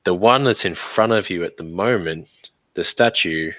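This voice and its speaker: Deep-voiced man running a tabletop game. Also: sharp tone, no echo. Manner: halting, searching for words. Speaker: game master. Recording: dull lo-fi recording.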